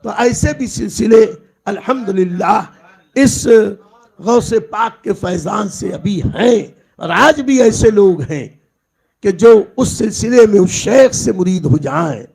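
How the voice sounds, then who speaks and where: Male preacher, high husky voice, slow storytelling sermon delivery. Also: lively intonation, a little mellow. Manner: devotional, storytelling, addresses listeners as friends. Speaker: Islamic preacher. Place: large gathering, public address.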